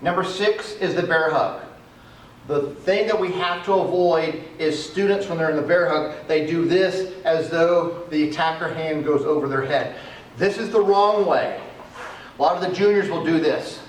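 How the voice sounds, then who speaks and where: On a cement patch outdoors, a martial arts instructor demonstrates self-defense techniques and explains them step by step at a normal speed. His voice leans high, and the echoey, distant camera recording has slight background noise.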